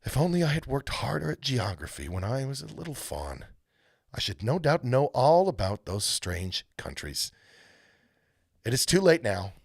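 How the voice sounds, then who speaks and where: A man plays an excitable male faun from a storybook, fussy and courteous. His delivery swings widely in pitch and stammers with politeness, in a slightly husky voice with a faint melancholy. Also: normal speed, no room sound, studio quality, heavily acted. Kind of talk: storybook read-aloud character voice.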